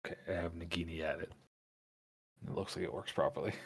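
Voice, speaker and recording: A tabletop game player chatting casually over a call through a deep pitch-shifting voice changer that makes the voice gravelly and husky. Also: steady tone, a little fast.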